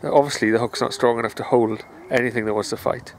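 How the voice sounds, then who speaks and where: A man's voice: medium pitch, fairly even intonation, quick pace, low-quality recording. A man, chatting upbeat on a lakeside bank as he films a day of fishing and talks with a young boy. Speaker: angler filming a fishing day. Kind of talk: casual outdoor commentary. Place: grassy lakeside bank outdoors. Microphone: handheld camera, sometimes held at arm's length. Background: wind noise.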